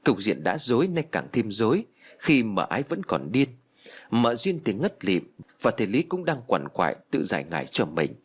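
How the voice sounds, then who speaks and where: A man narrating a ghost story audiobook in a dramatic, expressive storytelling manner. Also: on the low side, normal speed, slightly rough.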